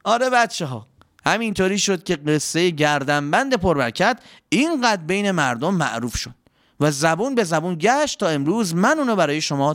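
A man's voice: medium pitch, fairly bright tone, dry recording, clean studio sound. A man hosting a children's story show, telling the story expressively and addressing the listeners directly.

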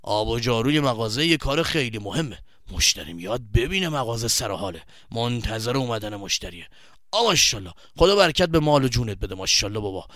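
A man voicing an older grandfather who runs a shop, praising his grandson in a slow, fatherly way. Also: medium pitch, very animated, no echo, clean studio sound, voice pushed down. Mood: approving. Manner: warm, blessing-filled, slow fatherly talk. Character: kindly old grandfather shopkeeper, praising.

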